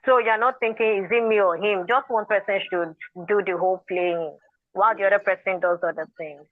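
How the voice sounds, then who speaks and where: A woman's voice: mid-range voice, fairly even intonation, brisk, no room sound. A Nigerian woman talking in a casual online meeting, direct and practical. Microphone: video call. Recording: tinny phone-like online call.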